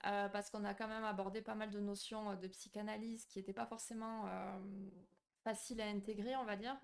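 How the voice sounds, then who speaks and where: Chatty woman streamer reading her chat. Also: mid-range voice. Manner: chatty, warm toward viewers, many fillers and restarts. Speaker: psychology streamer hosting a live. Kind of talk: casual live-stream talk, reading chat. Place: home streaming setup.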